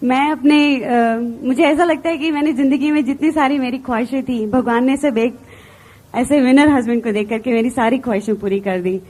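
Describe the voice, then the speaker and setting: A woman's voice: sits high, moderate pace, a little mellow. A woman from India giving an earnest motivational stage talk, telling personal stories and mixing in English words. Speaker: business seminar speaker.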